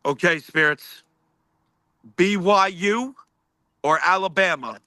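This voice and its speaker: A man's voice: high voice, slow pace, bright, forceful tone, dry recording. A man hosting a live paranormal session, repeatedly asking spirits questions and reporting faint sounds he hears.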